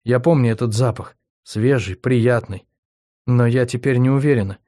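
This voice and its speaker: A man's voice: mid-range voice, normal speed, warm tone, natural voice. A man reading an audiobook, voicing a cheerful but stubborn young woman patient in a raised, pleading voice. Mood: frightened, pleading.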